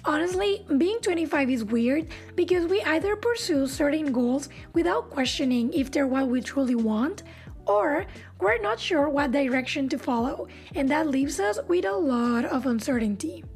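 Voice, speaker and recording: A woman's voice: high-pitched, lively intonation, moderate pace, faint music behind. A woman in her twenties hosting an interview podcast, introducing the show and asking friendly questions. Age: 20s. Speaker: podcast host.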